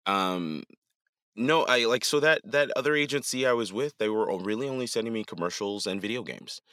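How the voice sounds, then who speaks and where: Casting note: low-voiced man, crisp bright tone, dry close sound, easygoing guest who rambles with restarts. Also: a little fast, dry recording. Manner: relaxed, rambling, many restarts and fillers. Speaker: voice actor guest. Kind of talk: casual interview chat.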